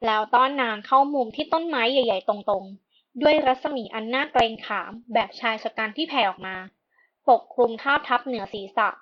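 Woman narrating a storybook, slightly high. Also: moderate pace, dull audio. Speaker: audiobook narrator. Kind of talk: scripted narration.

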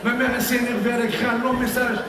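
A Tunisian stand-up comedian performs on a large theater stage before a live audience, talking at a racing pace in a high voice and acting out characters with pitch jumps. He uses a handheld mic, but the recording is filmed from the audience, so it sounds distant and echoey with crowd noise.

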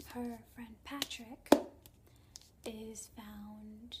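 A young woman plays a librarian in an ASMR role-play. Her library soft voice is soft, breathy and unhurried, with a casual, hesitant delivery. Clear background noise and small clicks sit behind the voice. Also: on the high side, level tone. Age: young adult. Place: indoors, small book-lined room.

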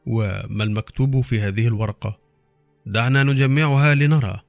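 A man's voice: medium pitch, moderate pace, creaky, no room sound, soft background music, natural voice. A man voicing a young, eager but hesitant doctor in an audiobook horror story. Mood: curious, eager. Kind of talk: audiobook character acting.

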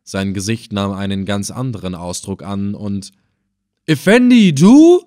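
A man reading an adventure story aloud in the first person, calm and measured. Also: deep voice, no echo, studio quality. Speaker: audiobook narrator. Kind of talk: first-person audiobook narration.

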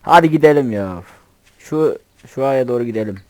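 A man narrates his game in a bouncy, lively voice that swings up and down in pitch. He jokes, swears in fun and talks to himself as he plays. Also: moderate pace, dry recording. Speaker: gamer. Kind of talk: casual gameplay commentary.

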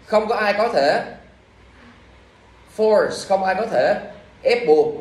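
A man's voice: high-pitched, lively intonation, slow. A male teacher, reviewing exam questions in class and quizzing students with repeated questions. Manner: scolding, drilling questions at students. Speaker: English teacher. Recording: echoey room from far off.

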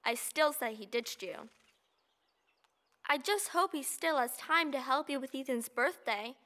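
Bright, high-pitched snooty mean girl. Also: lively intonation, measured pace, exaggerated voice. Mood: smug, mock-sweet. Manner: mock-sweet, smug, taunting. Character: snooty scheming teenage mean girl at riding stable. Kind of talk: animated series voice acting.

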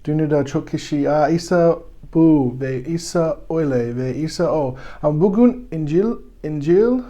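A man with a foreign accent, still learning Turkish, teaching the Bible in simple, broken, halting sentences with frequent self-corrections. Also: fairly high pitch, dark tone. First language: not Turkish, still learning it.

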